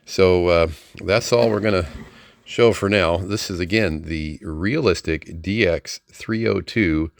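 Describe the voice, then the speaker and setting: In clean, dry studio sound, a middle-aged man with a low-pitched, unhurried voice and vocal fry walks through a receiver. The ham radio hobbyist keeps it casual and unscripted, folksy, hesitant and plain.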